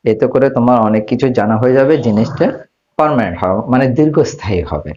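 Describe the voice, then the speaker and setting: A man with a medium-pitched, darkish voice teaches an English grammar lesson, asking questions and then answering them himself. He slows down to spell out English words, and the slightly dull lo-fi recording carries a little hiss or hum.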